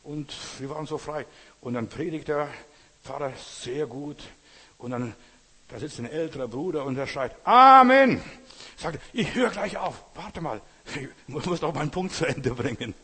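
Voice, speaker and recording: A man preaching as a pastor, emphatic, repeating phrases and rising to loud exclamations. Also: mid-range voice, normal speed. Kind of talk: sermon. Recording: long hall reverb.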